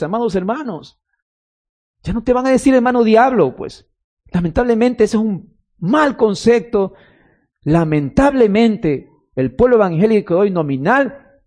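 Husky-voiced man preaching a sermon. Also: high-pitched, mellow. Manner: preaching with stories and rising emphasis. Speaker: pastor.

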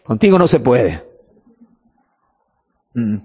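A man's voice: medium pitch, sing-song, slow, mellow, big-room sound, a little hiss or hum. A man preaching a sermon, emphatic, drawing out key words and asking rhetorical questions.

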